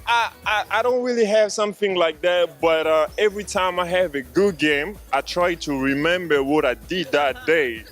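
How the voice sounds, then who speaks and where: A man, a professional basketball player, answering interview questions haltingly, with many pauses and restarts. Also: high voice, fairly bright tone, faint music behind. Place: indoor basketball court.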